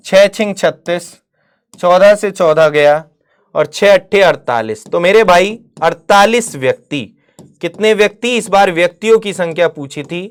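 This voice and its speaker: Mid-pitched woman teaching maths. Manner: asks the class questions and answers them herself; calls students "beta" and "mere bhai". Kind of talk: online exam-prep lecture.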